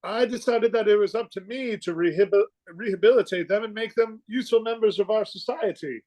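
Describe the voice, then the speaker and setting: A man's voice: high voice, brisk, a little mellow, lightly acted, low-quality recording. A man playing an earnest, flustered, kindly Scarecrow in an amateur radio play, with a hesitant, stammering delivery.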